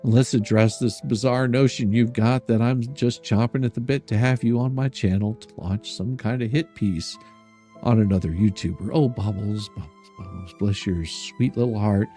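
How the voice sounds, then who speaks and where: An older man hosting a stream reads a letter aloud, mocking it with theatrical sarcasm. His voice is medium-pitched and warm, moving at a normal speed over soft background music.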